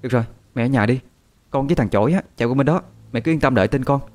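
A man's voice: medium pitch, rapid-fire, darkish tone, voice pushed up, lightly acted. A man voicing a nineteen-year-old village girl who pleads and scolds in a raised voice. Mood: urgent.

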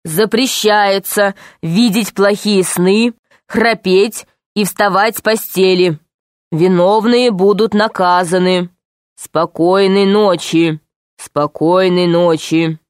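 Cast: stern official announcer, woman reading, slow measured orders. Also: medium pitch, steady tone, dry recording, studio quality, lightly acted. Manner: slow, commanding, formal.

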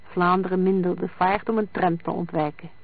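A reader narrating a crime story in a measured, even way. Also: mid-range voice, vocal fry. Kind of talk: scripted crime-story reading. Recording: dry, tinny lo-fi sound.

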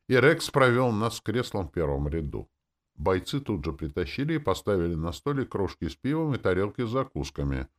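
A man narrating a fantasy audiobook in a lively reading style, voicing the crowd and characters as he goes. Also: on the low side.

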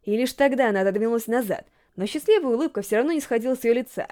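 A woman narrating a story aloud with a steady, expressive reading. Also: a little high, rapid-fire. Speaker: audiobook reader.

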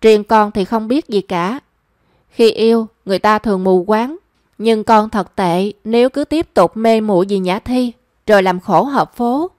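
A stern middle-aged mother in a spoken storybook who probes and scolds her grown son, as a woman narrator reads her. The voice stays mid-pitched and dry, close to the mic. Her questions push hard. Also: a little slow, darkish tone, dry recording, natural voice. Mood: scolding. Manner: scolding, probing.

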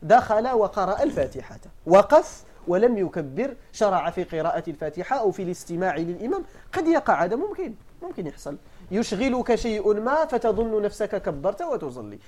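Lively, fast-talking Moroccan teaching sheikh. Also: male voice, sits high. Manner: animated explaining, often checking the class understands. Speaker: sheikh teaching Maliki jurisprudence. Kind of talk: classroom religious lesson.

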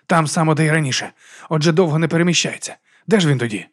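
A man's voice: fairly high pitch, quick pace, pitched above the performer's own voice, lightly acted. A man doing a composed restrained detective. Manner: restrained, polite.

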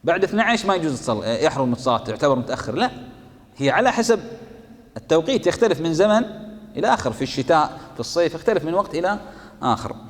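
A man who teaches jurisprudence reads lines from a fiqh text and explains them to students in colloquial speech, repeatedly posing questions and answering them himself. His voice is on the high side with big pitch swings, he talks rapid-fire, and a long reverb tail trails his words.

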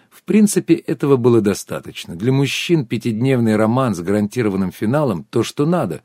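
A man's voice: medium pitch, mellow, no room sound, studio quality, natural voice. A man reading a woman's chatty, ironic anecdotes in an audiobook. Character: lively woman telling racy anecdotes.

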